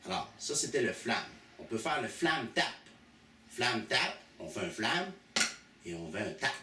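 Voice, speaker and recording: In a drum school studio, a very animated drum teacher with a Québécois French accent and a medium-pitched voice gives a lesson with demonstrations at an unhurried pace, patiently counting aloud and naming each stroke. The mic sits far off in an echoey room, picking up loud drum hits and background noise.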